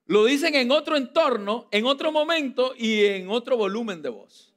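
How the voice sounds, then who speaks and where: A man with a Costa Rican accent preaching a lively sermon, playful and teasing with his congregation. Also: very high voice, normal speed. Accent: Costa Rican Spanish. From Costa Rica.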